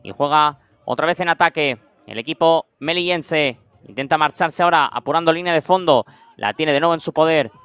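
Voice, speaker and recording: A man's voice: fairly high pitch, a little fast, smooth, no echo, highs cut off, faint music behind. A man with a Spain Spanish accent giving live play-by-play of a beach football match in short descriptive phrases. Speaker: sports commentator.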